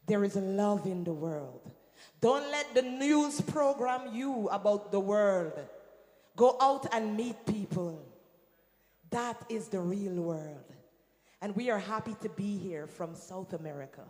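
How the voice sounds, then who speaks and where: A woman from Guyana with a Guyanese accent, a singer talking to a festival crowd from the stage, lively and calling out to the audience. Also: mid-range voice, slow. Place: large venue on stage. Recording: echoey hall with long reverb.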